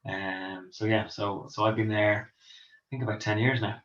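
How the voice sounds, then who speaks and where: A man's voice: lowish voice, little pitch movement, unhurried, a bit bright. Hesitant Dublin man on an echoey line. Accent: Irish, Dublin. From Ireland. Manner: hesitant, many ums and restarts. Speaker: pastor and author. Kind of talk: interview answers. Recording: echoey, dull lo-fi sound.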